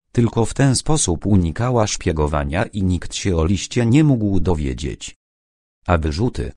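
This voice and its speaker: A man narrating an audiobook in a measured, dramatic storytelling manner. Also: deep voice, darkish tone, dry recording, studio quality. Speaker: audiobook reader.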